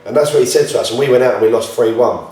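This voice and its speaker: A man's voice: medium pitch, racing, a little mellow. A man who plays football, chatting casually and telling anecdotes in a matey way. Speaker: football player. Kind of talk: casual group chat. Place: reverberant indoor room. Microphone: distant from the speakers. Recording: very echoey room, distant mic, faint noise.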